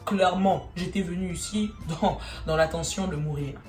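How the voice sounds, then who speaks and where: A woman casually telling a story in an animated way, swearing freely. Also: fairly low pitch, normal speed, soft background music. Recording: roomy echo.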